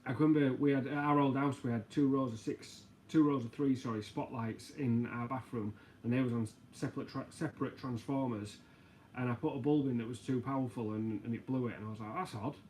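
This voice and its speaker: A man's voice: mid-range voice, fairly even intonation, brisk, a little mellow, a little hiss or hum. A man hosting a casual livestream, rambling, joking and reading out viewer comments. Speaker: livestream host. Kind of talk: casual live chat.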